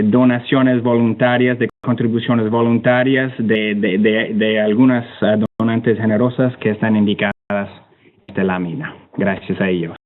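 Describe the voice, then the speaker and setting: This medium-pitched man with a Canadian accent is a webinar panelist from a climate technology organisation. His informal talk with slides comes through an online webinar call on a thin, tinny line that sounds like a phone. He hesitates often and repeats words while searching for the right ones.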